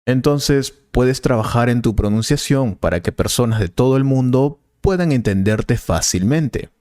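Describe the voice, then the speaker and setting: Calm male professor voiced by a man for a scripted teaching dialogue: patient, slow, dry studio read. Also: mid-range voice, dry recording, close to an everyday voice. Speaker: Spanish teacher.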